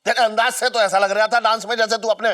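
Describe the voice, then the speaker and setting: A man's voice: high-pitched, flat delivery, quick pace, fairly bright tone. An actor in a sitcom playing a bossy shop owner who teases and mocks his wife. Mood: mocking. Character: bossy, sarcastic middle-aged shop owner and husband. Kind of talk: sitcom acting.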